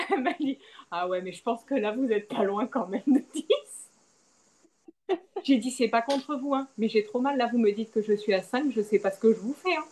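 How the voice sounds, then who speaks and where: A young woman, a podcast guest, candidly recounting a personal story and acting out the quoted dialogue with lively swings in her voice. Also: normal speed, low-quality recording. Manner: animated, acts out quoted dialogue with big pitch swings. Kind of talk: candid storytelling about childbirth.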